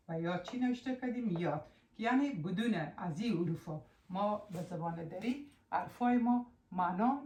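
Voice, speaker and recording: A woman's voice: medium pitch, a little mellow. Dari-accented woman teaching, roomy echo. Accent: Afghan Dari. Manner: patient, repeats words slowly, asks questions then answers them. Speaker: language teacher. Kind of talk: spoken lesson.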